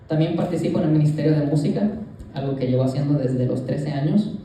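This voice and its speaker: A man's voice: fairly high pitch, fairly even intonation, quick pace, warm tone, slight background noise. A young man from Rico, earnestly telling his personal testimony to a church congregation and addressing them directly. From Puerto Rico. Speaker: youth leader giving a church testimony. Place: church sanctuary. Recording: echoey church hall, voice from a distance.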